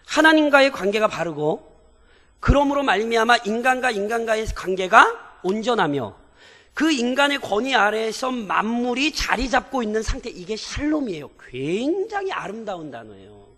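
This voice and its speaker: A male pastor preaching a sermon, often asking the congregation rhetorical questions and building to emphatic shouts. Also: extremely high pitch, big pitch swings, normal speed. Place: church sanctuary. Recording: church sermon with long reverb.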